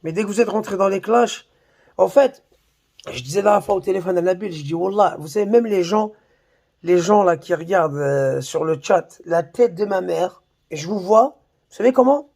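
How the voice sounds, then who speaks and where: A man with a high, gravelly voice tears into a rival in a slangy, mocking rant. He swears freely and talks straight to the camera in a casual vlog. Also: normal speed, a little mellow. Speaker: YouTuber. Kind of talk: heated insulting rant to camera.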